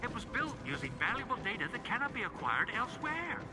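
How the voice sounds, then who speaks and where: An actor voices an eager, earnest male engineer in a video game, explaining things animatedly over background music. His pitch is extremely high and he speaks quickly.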